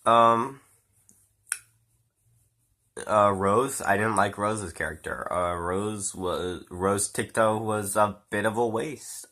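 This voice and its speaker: A movie reviewer with a low voice and a sharp tone speaks through a cold-stuffed nose. His spoken film review is rambling and casual, full of fillers and the occasional swear.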